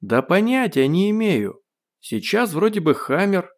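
Guy doing a cocky loud amnesiac dude, cheeky, voice jumps around a lot. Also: high voice, sing-song, unhurried, voice pushed up, heavily acted. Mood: bemused. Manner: loud, cocky, playfully defiant. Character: brash cheerful man with lost memory. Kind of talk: audiobook character voice.

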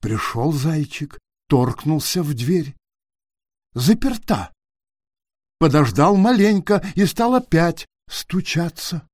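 Slow sing-song male storyteller. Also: a little high, a little mellow, dry recording, clean studio sound. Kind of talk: storybook narration.

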